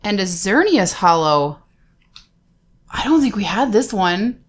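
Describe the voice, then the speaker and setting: A woman's voice: medium pitch, sing-song, slow pace, slightly rough. A woman hosting a casual card-pack unboxing, chatting and naming each card aloud with easy laughs. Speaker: host opening trading card packs.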